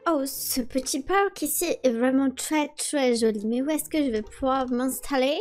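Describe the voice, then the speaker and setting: A woman's voice: high voice, moderate pace, darkish tone, natural voice. A woman playing an eager, naive foreign woman newly posted to an office, speaking with a put-on foreign accent in an earnest, chatty way. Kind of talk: amateur game role-play voice acting.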